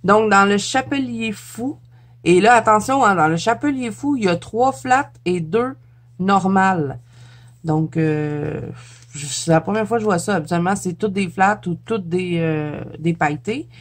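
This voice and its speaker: A woman's voice: medium pitch, measured pace. Chatty Quebec French woman, laughing often. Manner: chatty, laughs often, trips over words. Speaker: YouTuber. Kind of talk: casual show-and-tell vlog.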